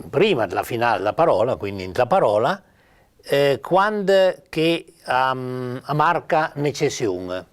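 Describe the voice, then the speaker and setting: An older man with a Piedmontese accent giving an informal spoken lesson on spelling, halting with many pauses and fillers. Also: medium pitch. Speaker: writer teaching Piedmontese spelling.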